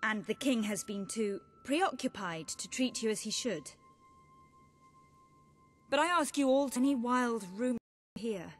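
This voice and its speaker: Fairly high, poised young princess. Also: female voice, animated, measured pace, long pauses, faint music behind. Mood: composed, kind. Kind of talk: video game character acting.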